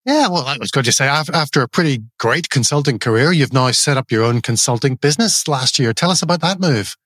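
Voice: medium pitch, expressive, brisk, a bit bright, no room sound, clean studio sound. A podcast host, asking questions in a friendly, easygoing way. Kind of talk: casual interview chat.

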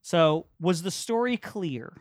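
Guy hosting a podcast panel, lively voice, laughs a lot, dry close mic. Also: sits high, no echo. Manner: quick, laughing, asks the questions. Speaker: podcast host. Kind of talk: casual panel chat.

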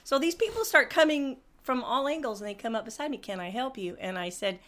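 A woman's voice: sits high, fast talker. An older woman telling a funny story in casual chat, laughing often and acting out the people in it. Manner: animated, laughs often, acts out the people in her stories.

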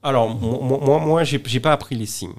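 A man's voice: medium pitch, brisk. A man speaking as an interview guest in casual conversation, often stumbling over and repeating words as he explains. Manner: hesitant, many repeated words and restarts.

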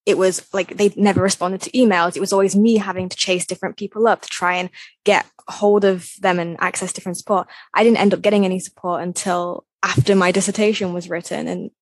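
A woman in her twenties speaks with a lowish voice. She talks hesitantly, full of "like". The sound is close and dry. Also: steady tone, a little fast, dry recording, low-quality recording. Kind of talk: casual discussion.

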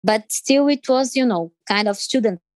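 A Brazilian woman with a Brazilian Portuguese accent answers interview questions in English as a guest, her speech full of pauses, fillers and restarts. Her voice is a little high, and there is no echo.

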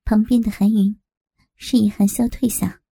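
Gravelly woman narrating a crime audiobook. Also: medium pitch, moderate pace. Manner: steady dramatic storytelling.

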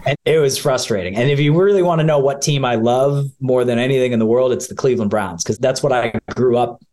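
A man's voice: medium pitch, fast talker. Chatty middle-aged sportscaster, a man. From Ohio, USA. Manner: chatty, warm storytelling with laughs. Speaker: sportscaster guest. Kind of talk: casual interview conversation.

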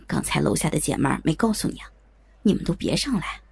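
A woman putting on a fretful, gravelly old man. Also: sits low, animated, fast, pitched below the performer's own voice, heavily acted. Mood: anxious. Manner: hushed, urgent pleading. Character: gaunt sickly old man, anxious and fussing.

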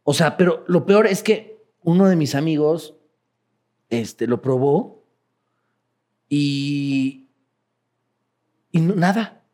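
Mexican man, fairly high voice, animated storyteller who swears freely and acts out what others said. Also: slow pace, long pauses. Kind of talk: casual storytelling chat.

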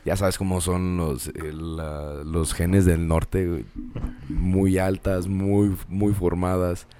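Deep-voiced Mexican man, laid-back. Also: level tone, slow, mellow. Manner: laid-back, slangy storyteller. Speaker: podcast co-host. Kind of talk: casual chat.

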